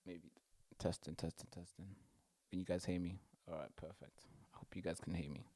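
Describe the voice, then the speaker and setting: A man's voice: low-pitched, fairly even intonation, fairly quick, mellow. A young man from Tanzania hosting his own show, talking casually and straight to his viewers, often repeating phrases. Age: young adult. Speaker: show host. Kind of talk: casual livestream commentary. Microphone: wearing headphones.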